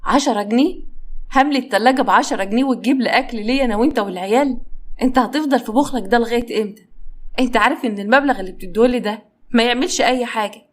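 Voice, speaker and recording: A woman's voice: a little high, rapid-fire, natural voice. Woman playing a fed-up Egyptian wife. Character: fed-up young wife and mother, tearful.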